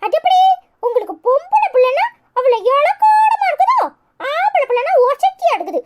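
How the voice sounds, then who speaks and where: This cartoon voice acting features a woman as a feisty village girl with a Kanyakumari Tamil accent who argues indignantly and sarcastically, with sharp retorts. The voice is very high with big pitch swings, and the pace is a little fast.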